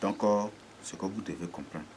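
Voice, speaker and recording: A man preaching a teaching sermon, halting and repeating words, often asking rhetorical checks. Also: low voice, a little mellow, a little hiss or hum.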